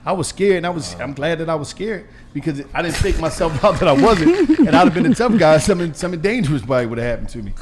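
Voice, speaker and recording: A man hosting a podcast, telling a story in casual chat, animated and laughing, acting out his own scared voice. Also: on the high side, fast talker, hardly any pauses, crowd noise. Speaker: podcast host.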